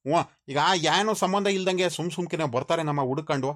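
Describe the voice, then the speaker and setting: A man's voice: fairly high pitch, quick pace, close to an everyday voice. A man voicing a polite, soothing village elder brother in a cartoon.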